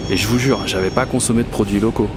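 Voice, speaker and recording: A man performs a first-person radio fiction monologue as an obsessive, whimsical Parisian dreamer confiding his magical commuting quest. His low, natural, steady voice is fast, wry and reminiscing, colloquial and self-mocking like a private confession, over a noisy but clear bed of urban and train ambience.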